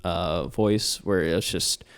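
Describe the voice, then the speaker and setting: A man's voice: sits low, slow. A young man talking casually on a podcast about tabletop games, earnest and rambling with restarts and fillers. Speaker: podcast guest, tabletop player and game master.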